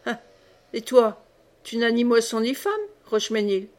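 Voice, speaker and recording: Lady reading as a gruff bossy knight, cusses a lot, kinda high voice. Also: flat delivery, normal speed, a little mellow, close to an everyday voice. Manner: swearing, commanding. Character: gruff blustering knight commander, man.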